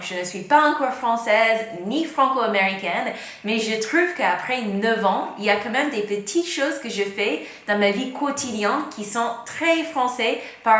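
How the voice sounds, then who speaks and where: A woman's voice: a little high, fairly bright tone. A young woman from the United States with a strong American accent, a native English speaker, chatting casually to camera as a vlogger and stringing her thoughts together. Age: young adult. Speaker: YouTube vlogger. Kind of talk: casual direct-to-camera vlog. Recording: echoey room.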